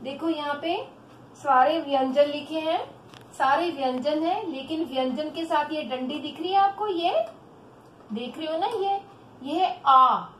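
A woman teacher giving a children's Hindi phonics lesson, drawing syllables out slowly and calling the children "beta". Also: high voice. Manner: slow, drawn-out syllables for children. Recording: echoey room with faint background noise.

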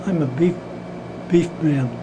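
Very old man, higher-pitched, with background noise. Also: measured pace, highs cut off. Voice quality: very old man's voice. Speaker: interviewee. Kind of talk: casual interview. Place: indoors, small room.

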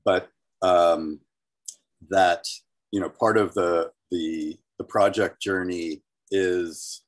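Deep man on a choppy video call. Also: steady tone, slow. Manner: hesitant, many restarts and fillers. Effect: choppy video-call connection breaking up. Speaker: call participant. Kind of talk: casual meeting chat.

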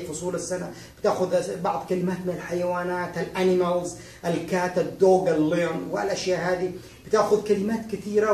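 A man's voice: high voice, dark tone, roomy sound, recorded from a distance, a little hiss or hum, poor audio. A man teaching a lesson, speaking directly to the student and repeating his points as he explains them. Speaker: English teacher.

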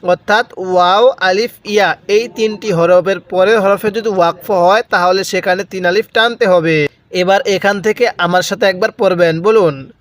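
High-voiced man teaching Quran recitation. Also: fairly even intonation. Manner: drawn-out slow chanting of Arabic words between quick explanations; repeats words for the viewer to copy. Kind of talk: step-by-step recitation lesson.

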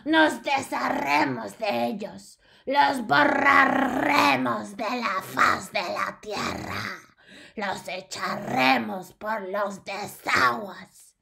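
A woman voicing a furious, hateful grand witch in a storybook reading, shrieking her words slowly and drawn out. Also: on the high side, vocal fry, bright, forceful tone, pitched above the performer's own voice, exaggerated voice. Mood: screeching hateful. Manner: slow, drawn-out shrieking declarations. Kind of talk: storybook read-aloud.

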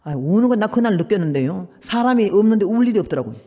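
An older woman missionary preaching her testimony in animated storytelling, acting out the voices of the people in it. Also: mid-range voice, fast, slight background noise. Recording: long reverb of a large hall.

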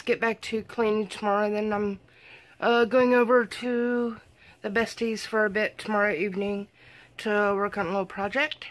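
A woman's voice: fairly high pitch, fairly bright tone. A tired, sleepy woman vlogging casually from her bedroom at night, rambling with many ums and slightly slurred words. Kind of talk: casual vlog chat.

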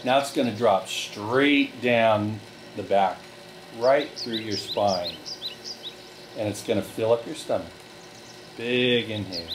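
Calm man guiding slow breathing. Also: lowish voice, noisy background. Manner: slow, calm step-by-step directions with fillers. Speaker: relaxation group leader. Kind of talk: guided breathing instruction.

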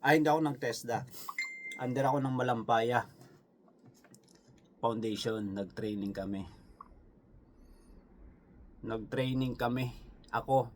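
A man's voice: medium pitch, steady tone, slow pace, pauses often, a little hiss or hum. A Filipino man with a Visayan accent, chatting casually and rambling through viewer comments as a vlogger. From Philippines. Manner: rambling, chatty, full of fillers and asides. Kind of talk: casual chat. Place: New Zealand.

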